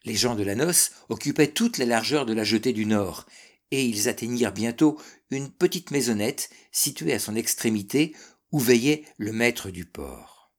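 A man narrating a classic seafaring novel as an audiobook, measured and expressive. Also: mid-range voice. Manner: measured, expressive reading that darkens and softens in sad passages.

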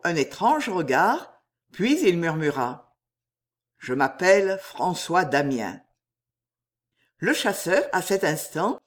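A woman reads a historical novel aloud at an unhurried pace. Her voice moves widely and expressively. The storytelling is measured and careful. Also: on the low side. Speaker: reader.

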